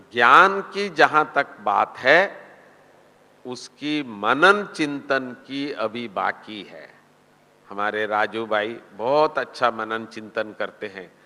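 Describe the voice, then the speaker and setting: Slow-speaking man preaching in an echoing hall. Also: mid-range voice, pushed and bright. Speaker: spiritual teacher. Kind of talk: spiritual discourse. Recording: long reverb of a hall.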